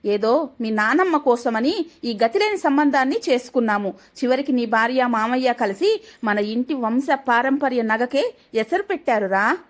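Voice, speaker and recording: A woman voicing a scheming, sharp-tongued middle-aged mother-in-law in an accusing, scolding manner. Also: fairly high pitch, expressive, normal speed, close to an everyday voice.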